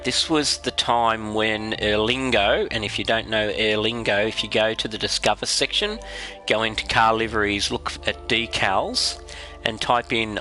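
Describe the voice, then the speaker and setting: An Australian man with a raspy, congested head-cold voice, giving unhurried, casual explanations as he hosts a game livestream. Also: fairly low pitch, pushed and bright.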